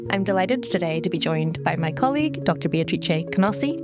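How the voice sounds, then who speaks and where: A woman's voice: on the low side, animated, brisk, over loud music. A woman hosting a law podcast, introducing guests and asking questions in a polite, scripted way. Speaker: podcast host, law lecturer.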